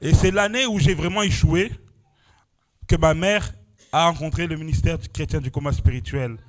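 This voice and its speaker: A bright-ish male voice on the high side, at a moderate pace: a young Frenchman preaching his testimony during a church prayer vigil, exclaiming and sprinkling in "amen" and "alléluia."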